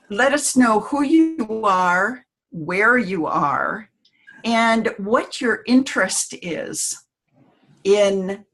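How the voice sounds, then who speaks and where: A woman hosting an online panel discussion, introducing guests in a measured way. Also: mid-range voice, breathy edge. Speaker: panel host.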